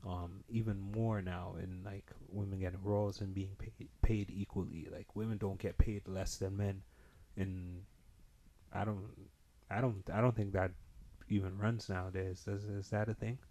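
A man's voice: sits low, little pitch movement, normal speed, dark tone. A young man hosting a casual chat, speaking in a hesitant, rambling way with heavy street slang. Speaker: podcast host.

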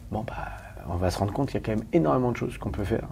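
A man from Paris, a guest talking candidly in an interview, rapid and emphatic with many restarts and questions to the listener. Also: fairly low pitch, animated, gravelly, background noise. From Paris, France.

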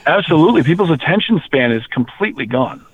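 A man from rural Maine, a heavy metal musician, talking casually in an interview, animated and quick to repeat words. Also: on the high side, slightly rough. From rural Maine, USA. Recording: tinny phone-like line.

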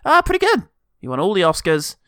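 A man's voice: high-pitched, huge pitch swings, brisk, fairly bright tone, clean tone, dry recording, studio quality. A British man hosting a comedy film podcast, reading reviews and bantering in a wry, jokey way, pronouncing th as f. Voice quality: th-fronting, says th as f.

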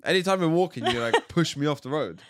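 A man's voice: a little high, lively intonation, no echo. Teasing British man on a dry mic. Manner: joking, teasing, quick to laugh. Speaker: podcast co-host. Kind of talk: casual chat.

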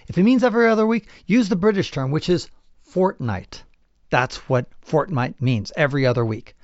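A man hosting a podcast, talking casually with animated, opinionated asides. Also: fairly high pitch, no echo, dull audio. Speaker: podcast host.

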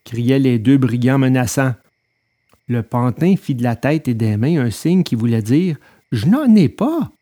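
A man narrating a storybook in an expressive, dramatic way. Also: mid-range voice, unhurried.

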